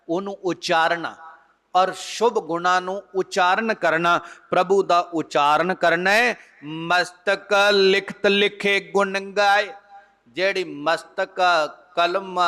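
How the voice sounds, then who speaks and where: A man preaches Sikh scripture in a bright, forceful voice, pitched somewhat high. He chants the verses slowly before explaining them at an unhurried pace. His voice rings with the long reverb of a large hall. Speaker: head granthi. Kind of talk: Sikh scripture exposition (katha).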